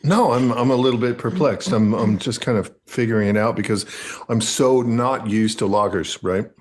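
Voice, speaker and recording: A man's voice: on the low side, normal speed. A man chatting casually on a game stream, rambling and joking. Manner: rambling, jokey, laughs often.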